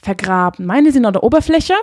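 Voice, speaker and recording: A woman's voice: medium pitch, lively intonation, fairly quick, darkish tone, dry recording. A woman talks about her life in an open, heartfelt, chatty way, stumbling and restarting often. Her voice sits in the middle register. It is recorded close and dry, with no room sound. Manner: open, emotional, chatty with frequent fillers. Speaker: podcast guest, couples therapist. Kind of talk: casual heartfelt conversation.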